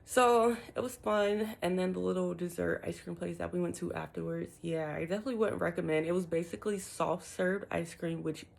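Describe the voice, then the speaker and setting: A woman chatting casually to her vlog viewers in an informal, expressive way, her speech slightly lisped and muffled from wearing retainers. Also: fairly low pitch, fairly quick, vocal fry, hardly any pauses. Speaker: lifestyle vlogger.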